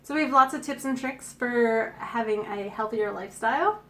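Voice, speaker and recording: Speaking at normal speed in a slightly high, pushed and bright voice, a woman in her forties with a Canadian accent co-hosts a food site. She is Canadian, and her casual chat is upbeat and giggly.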